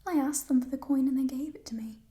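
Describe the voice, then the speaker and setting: A woman in a whispered role-play as a playful, chatty thief, musing hesitantly in a burglar's hushed whisper over stolen treasure. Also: high-pitched, fairly even intonation, fast talker, natural voice. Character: playful, chatty female thief showing off stolen coins in a fantasy world.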